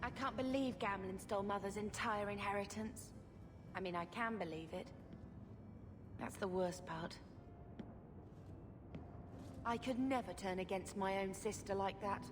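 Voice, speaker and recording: An actress playing a gentle, earnest young mage, a devoted younger sister, in a video game. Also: female voice, medium pitch, a little slow, pauses often, background noise, lightly acted. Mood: exasperated. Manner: earnest, wistful. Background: game music.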